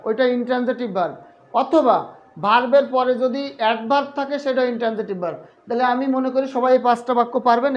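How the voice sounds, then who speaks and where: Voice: mid-range voice, highs cut off. A grammar teacher giving a live online class, patiently repeating each point and quizzing the students.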